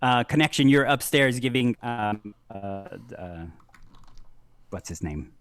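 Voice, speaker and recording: Slow, halting game master, a man. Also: mid-range voice, animated, a bit bright, smooth. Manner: halting, many ums and restarts, laughs often. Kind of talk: narrating a tabletop game.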